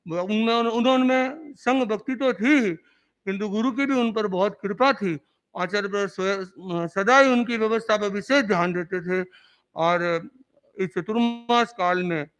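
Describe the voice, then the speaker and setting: A man's voice: sits high, fairly bright tone. A man, a monk, giving an earnest, reverent memorial speech that recounts remembered conversations. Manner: earnest storytelling, acting out remembered dialogue; reverent, devotional. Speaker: Jain monk.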